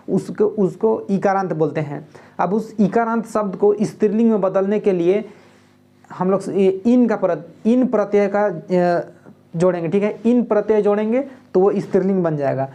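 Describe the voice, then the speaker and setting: A woman's voice: medium pitch, dark tone. A woman with a Jharkhand Hindi accent teaching an exam-prep grammar lesson, explaining step by step and often checking "okay" with her students. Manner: explanatory, repeats "ठीक है" often, reads Nagpuri lines aloud.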